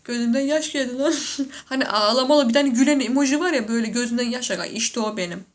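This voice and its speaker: A woman's voice: on the high side, fast. A woman giving casual reaction commentary, joking, laughing often and exclaiming in slangy speech as she talks to herself. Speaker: YouTuber reacting to photos.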